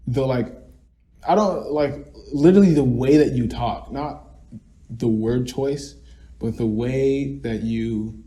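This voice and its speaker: Young male co-host, mellow mid-range voice, loose rambling delivery. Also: medium pitch. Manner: rambling, many fillers and restarts. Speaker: podcast co-host. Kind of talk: casual reflective chat.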